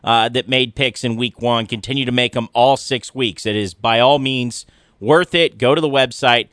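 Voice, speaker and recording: A man hosting sports radio, talking casually and off the cuff, often halting and correcting himself. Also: mid-range voice, a bit bright, clear, resonant tone, no echo, clean studio sound. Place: radio studio.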